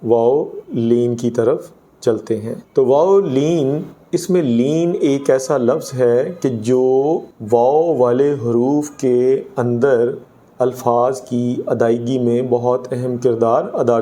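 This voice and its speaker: A male Urdu teacher giving a grammar lesson to students, slowly repeating each example word. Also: medium pitch, mellow.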